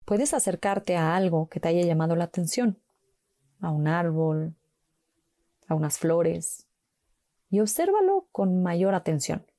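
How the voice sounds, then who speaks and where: A woman slowly guiding a mindfulness walk with calm, gentle instructions and long pauses. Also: lowish voice, no echo, studio quality. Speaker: meditation guide.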